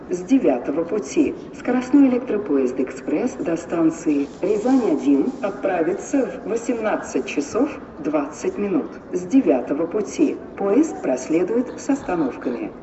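Female station announcer for airport-style PA calls: formal, clipped phrasing, swinging intonation, heavy echo. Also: fairly low pitch. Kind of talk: public-address train announcement, like an airport announcement. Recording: dull, distant, echoing, noisy station loudspeaker.

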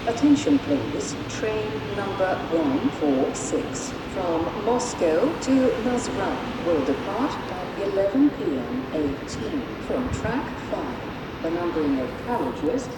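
A woman making formal railway station announcements over a PA loudspeaker in a measured way, rising on each opening call. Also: mid-range voice, very animated, far from the mic. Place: large train station hall. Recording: echoey loudspeaker heard from afar, loud noise. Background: loud station noise.

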